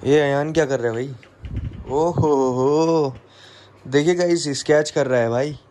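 A man's voice: on the high side, a little slow, music in the background. A young man filming a casual home vlog, chatting to the camera and cooing baby talk to his pet parrots. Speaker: vlogger.

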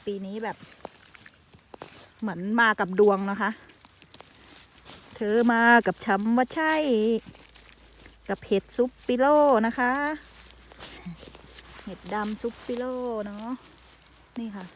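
A woman's voice: mid-range voice, takes it slowly, long pauses, a little hiss or hum. A woman chatting casually to her camera while foraging in a forest, full of exclamations. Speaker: vlogger. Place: forest outdoors.

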